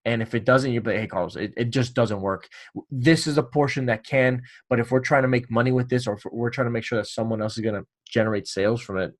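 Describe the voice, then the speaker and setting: In a casual interview, the podcast host talks quickly in a mid-pitched male voice. His manner is warm and joking, though he often stumbles, repeating words.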